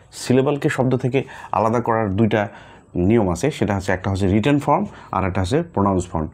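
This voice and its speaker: A man teaching an English pronunciation lesson, stretching out words slowly as he demonstrates them. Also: lowish voice, darkish tone. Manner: slow, drawn-out word demonstrations.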